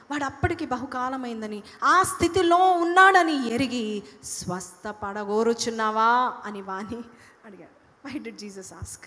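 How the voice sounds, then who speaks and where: Woman pastor preaching in a reverberant church hall. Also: on the high side. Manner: questions the congregation and prompts answers. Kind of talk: sermon.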